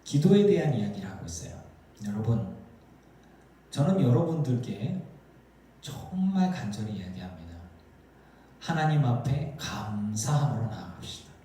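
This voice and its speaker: A man's voice: fairly low pitch, very animated, normal speed, pauses often, mellow, a little hiss or hum. A male pastor preaching a sermon, acting out complaining prayers in a raised voice. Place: church sanctuary. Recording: echoey church from a distance.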